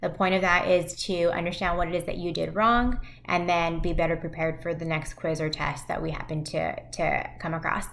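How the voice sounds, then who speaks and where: A woman in her thirties, a high school math teacher, walking parents through class web pages in a recorded virtual presentation. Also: steady tone, normal speed, creaky, few pauses, a bit bright, slight background noise.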